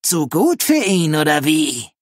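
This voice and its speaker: An audiobook narrator voicing a nosy, pipe-smoking old woman who mocks her neighbor in a raised, croaky voice. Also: mid-range voice, big pitch swings, a little slow, no echo, studio quality, pitched above the performer's own voice. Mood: snide. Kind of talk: audiobook reading.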